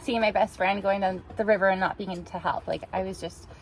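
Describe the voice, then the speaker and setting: A woman's voice: medium pitch, fairly even intonation, fast, slight background noise, low-quality recording. A woman co-hosting a kayaking vlog, speaking earnestly and from the heart in casual chat.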